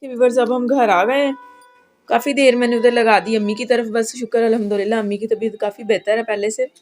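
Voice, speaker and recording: A woman's voice: fairly high pitch, steady tone, fast talker, darkish tone, faint music behind. A woman vlogging at home as a mother, chatting casually and speaking straight to her viewers.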